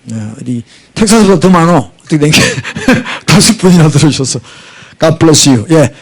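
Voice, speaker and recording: A middle-aged man preaching with fervor, his fairly high voice leaping up and down as he stresses each point. He is a pastor leading a prayer sermon and now and then cries out loud in prayer. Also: very animated, normal speed. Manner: impassioned, crying out in prayer.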